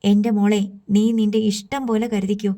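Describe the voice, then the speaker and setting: A woman's voice: mid-range voice, little pitch movement, moderate pace, warm tone, natural voice. A woman reading as a stern, scolding mother. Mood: defensive. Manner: scolding, defensive. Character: stern mother, warning her grown daughter.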